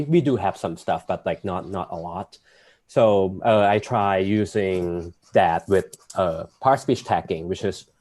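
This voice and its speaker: A man speaks in a low register. He sounds like an academic on a panel, explaining things casually and peppering his talk with informal filler phrases. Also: a little mellow. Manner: informal, chatty, often adds "like" and "you know".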